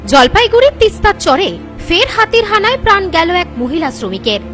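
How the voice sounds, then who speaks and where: Young woman, news presenter, Indian Bengali accent, high lively voice, scripted narration, faint music behind. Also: brisk.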